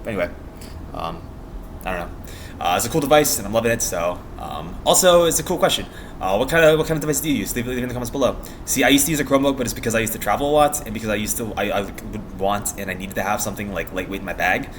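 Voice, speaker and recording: A man's voice: fairly low pitch, fast, a little hiss or hum. A young American man chatting casually in a vlog, rambling in a meandering, giggly way and often trailing off mid-thought. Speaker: vlogger.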